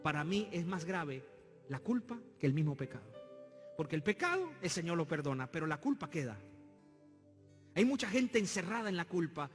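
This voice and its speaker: A man preaching as pastor, moving between quiet storytelling and loud, shouted exhortation. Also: fairly high pitch, very animated, normal speed. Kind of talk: sermon. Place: church sanctuary. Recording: long hall reverb with soft music.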